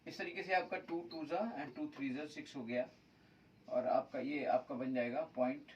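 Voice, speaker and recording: A man's voice: medium pitch, fairly even intonation, normal speed, recorded from a distance, lo-fi sound, slight background noise. A male chemistry teacher lecturing at a board, mixing Hindi with English terms and calling his students "beta". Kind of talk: whiteboard lecture. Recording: voice from away from the mic.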